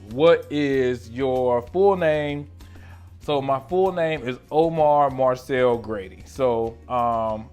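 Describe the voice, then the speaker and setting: Sitting in a small, colored-lit room, a North Carolina man in his late thirties, an esthetician vlogger, answers questions casually into a camera right in front of him. His loose, slangy, playful chatter jumps from loud excitement to low mumbled asides, with faint music in the background.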